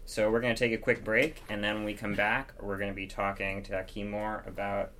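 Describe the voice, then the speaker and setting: A man's voice: fairly low pitch, flat delivery, a little fast, a bit bright, a little hiss or hum. A man hosting a podcast, introducing the guest and asking friendly, plain questions. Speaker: podcast host.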